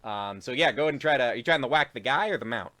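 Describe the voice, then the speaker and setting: A man's voice: mid-range voice, expressive, rapid-fire, bright, forceful tone. Chuckling man running a tabletop game. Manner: chuckles often, loose rambling with fillers. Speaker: game master.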